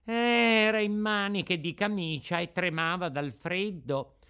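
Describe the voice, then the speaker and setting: A man voicing a sly, smooth-talking lame fox in an audiobook, drawing out his words slowly. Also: sits high, bright, forceful tone, voice pushed up. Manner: slow, drawn-out sly speech. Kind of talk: audiobook character voice.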